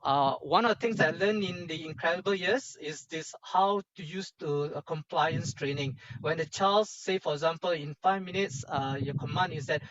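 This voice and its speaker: A man with a Singaporean accent leading an informal online workshop as lecturer, speaking in halting phrases with colloquial Singlish particles. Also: fairly high pitch, fairly bright tone, dull audio.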